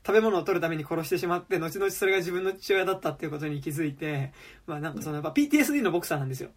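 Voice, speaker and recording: A young man co-hosting a casual film podcast, rambling with lots of fillers and sometimes dropping into a hushed whisper. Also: fairly high pitch, expressive. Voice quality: husky, drops to a whisper at times. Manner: rambling, heavy fillers, quick. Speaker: podcast co-host.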